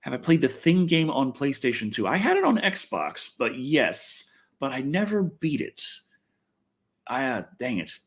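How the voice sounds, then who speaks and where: A Texan American man, a livestream host and video reviewer, rambles casually through a livestream answering viewers, thinking aloud, swearing freely and making fun of himself. His medium-pitched voice is husky and a little slow, with wildly swooping pitch.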